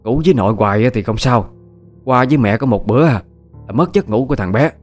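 A man's voice: medium pitch, expressive, a little fast, soft background music, close to an everyday voice. A man voicing a harsh, suspicious older mother-in-law, who scolds and accuses. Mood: scolding. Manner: scolding, accusing, sharp-tongued.

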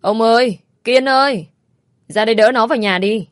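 A woman voicing a shrill, scolding older mother-in-law who shouts at her family. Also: lively intonation, brisk, no echo, studio quality, close to an everyday voice.

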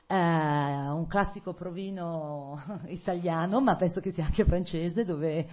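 A woman's voice: lowish voice, slow, dark tone, a little hiss or hum. A middle-aged woman from Italy, an actress, telling her life story to students in a casual, hesitant way with many fillers and frequent laughter. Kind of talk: casual autobiographical talk to students. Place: lecture hall.

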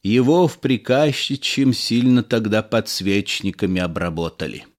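A man's voice: fairly low pitch, animated, moderate pace, close to an everyday voice. A man voicing a sentimental former police officer who exclaims and reminisces. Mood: reminiscing.

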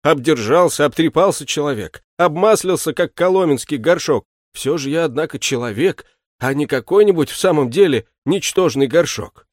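Guy doing a whiny high shoemaker servant, begging and moaning, swoopy voice. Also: expressive, moderate pace, dry recording, clean studio sound, natural voice. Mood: pleading lament. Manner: plaintive, pleading, high and loud. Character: whining put-upon male shoemaker servant. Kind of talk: audiobook character reading.

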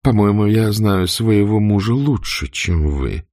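Male reader doing a furious, sharp-tongued young lady, pitched up and lively. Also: unhurried, no room sound, studio quality. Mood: scornful. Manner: sarcastic, furious.

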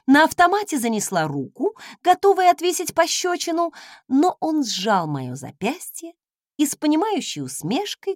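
Expressive female audiobook narrator. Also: fairly high pitch, dry recording, studio quality. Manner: expressive, ironic storytelling. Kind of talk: first-person audiobook narration.

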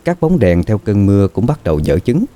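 A man narrating a scripted horror story in a slow, dramatic, suspenseful way. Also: on the low side, big pitch swings, warm tone.

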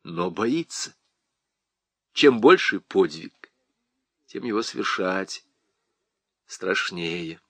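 A man narrating a novel aloud in an expressive, ironic storytelling manner. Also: deep voice, drawn-out words, long pauses, slightly rough, no room sound. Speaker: audiobook narrator. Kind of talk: scripted narration.

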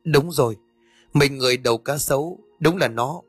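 A man's voice: mid-range voice, moderate pace, breathy edge, no room sound, soft background music, close to an everyday voice. A male narrator voicing an anxious young man who talks hesitantly to his father. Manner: hesitant, timid.

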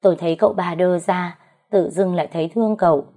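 Woman storyteller, first-person story narration, low voice, mellow warm tone, steady. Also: fast talker.

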